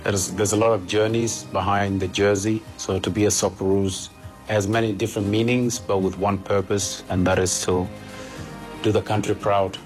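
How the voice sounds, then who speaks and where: A man speaks earnestly in a low, flat voice. He was recorded for a promotional video, and there is soft music underneath. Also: moderate pace. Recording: played-back video with music bed.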